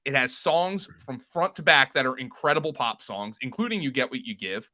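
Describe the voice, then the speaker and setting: Bright-voiced man chatting enthusiastically. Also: medium pitch, animated, fairly quick. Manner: enthusiastic, rambling with fillers and restarts. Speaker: podcast co-host. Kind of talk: casual chat.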